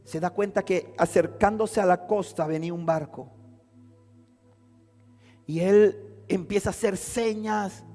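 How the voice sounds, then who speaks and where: A man with a high, slightly mellow voice preaches a sermon, telling a story dramatically and building to fervent exhortation. Hall reverb surrounds him, with faint music in the background.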